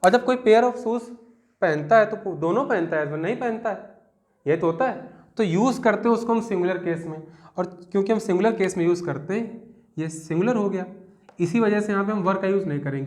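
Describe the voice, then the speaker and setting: A young man with a Hindi accent teaching a grammar lesson, explaining step by step, asking students questions and reading example sentences out slowly. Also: high-pitched, darkish tone.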